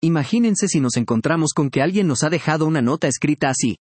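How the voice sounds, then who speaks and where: Husky-voiced man narrating a grammar lesson. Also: a little high, lively intonation, a little mellow, dry recording. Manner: measured, explanatory, clearly enunciated. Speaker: language teacher. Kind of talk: scripted educational narration.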